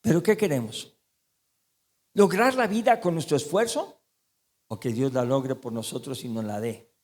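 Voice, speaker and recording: A man preaching a sermon as pastor, animated and asking the congregation questions. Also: mid-range voice, normal speed, long reverb tail. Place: church.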